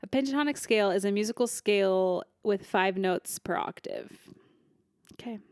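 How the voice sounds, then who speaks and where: A woman's voice: medium pitch, moderate pace, clean tone, no room sound. Woman podcast co-host, chatty and giggly, dry close sound, mid-range voice. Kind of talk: casual chat.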